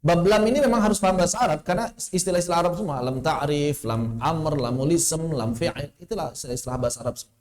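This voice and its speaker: Man, tajwid teacher, online lesson, slightly high voice, chants Arabic examples slowly. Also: darkish tone. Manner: explains with examples, recites Arabic phrases in a drawn-out chant. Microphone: online class microphone.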